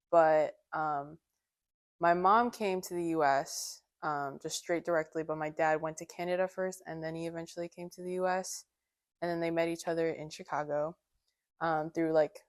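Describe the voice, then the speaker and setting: A woman's voice: deep voice, no echo, clean studio sound. A young woman interviewed for a documentary, speaking hesitantly with many fillers. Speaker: student interviewee.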